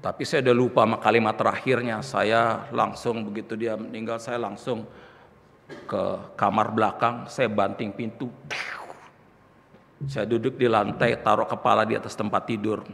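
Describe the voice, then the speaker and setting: Male pastor, heartfelt storytelling sermon, gravelly edge, long church-hall reverb. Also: fairly low pitch, little pitch movement, moderate pace, a bit bright, a little hiss or hum. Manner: emotional storytelling, addresses congregation as brothers and sisters.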